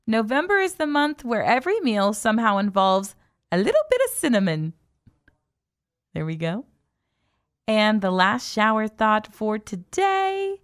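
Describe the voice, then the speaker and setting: On a local music station, a woman hosts live morning radio from the studio, keeping things casual, chatty and giggly. Her voice is medium-pitched, smooth and a little bright.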